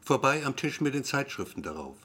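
A man reads a story aloud as an audiobook, with dramatic pauses. His voice swings through a lively, animated range of pitch. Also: breathy edge. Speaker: narrator.

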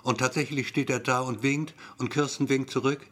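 A man's voice: mid-range voice, steady tone, moderate pace, a bit bright. A man reading a story aloud in a wry, repetitive storytelling manner. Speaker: narrator.

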